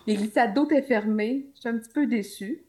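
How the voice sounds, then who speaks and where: A woman's voice: on the high side, fairly quick, dark tone. Chatty Québécois woman telling travel stories. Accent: Québécois French. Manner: chatty storytelling, jokey asides. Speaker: podcast guest. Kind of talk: casual chat.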